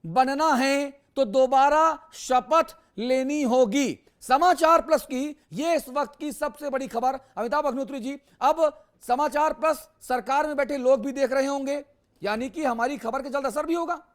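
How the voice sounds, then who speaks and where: A man's voice: extremely high pitch, unhurried. A man anchoring a live news show, pressing his guest with emphatic rhetorical questions.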